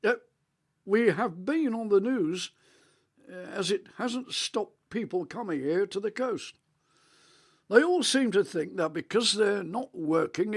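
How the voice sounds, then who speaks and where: A man, playing a rambling, reminiscing elderly grandfather on a video call in a radio monologue; his voice is rich and melodious, with halting restarts. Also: high-pitched, slightly rough, full character voice. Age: 80s.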